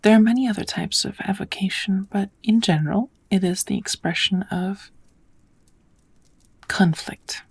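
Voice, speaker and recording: A woman voicing a kind, patient witch in a soft, often whispered ASMR roleplay, teaching magic in a gentle, measured, slightly formal way. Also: medium pitch, gravelly, husky. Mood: calm, patient.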